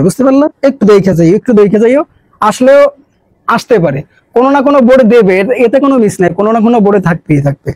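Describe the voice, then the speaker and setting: A man's voice: high-pitched, a little mellow, dry recording, rough recording. A man teaching an exam-prep lesson, casual and coaxing, who keeps asking a question and giving the answer again and again. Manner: repeats questions and drills answers; colloquial, coaxing.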